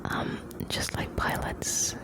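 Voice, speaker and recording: A Caribbean woman hosts ASMR, whispering right up close to the microphone. She rambles gently and slowly in short, broken phrases.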